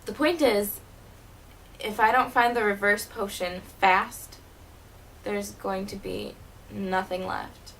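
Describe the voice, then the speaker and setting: A woman playing a wounded, wry teenage girl who was once a child stage performer, delivering a dramatic monologue in a bitter, halting way. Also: medium pitch, steady tone, fairly bright tone, a little hiss or hum, low-quality recording. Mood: hurt, bitter. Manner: bitter, hurt, halting with repeated words.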